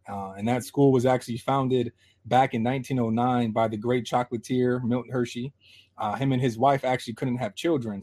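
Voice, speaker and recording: A man in his thirties from Pennsylvania, a guest telling his life story in a casual, animated way. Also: medium pitch. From Harrisburg, Pennsylvania. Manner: lively, animated storyteller acting out quoted voices.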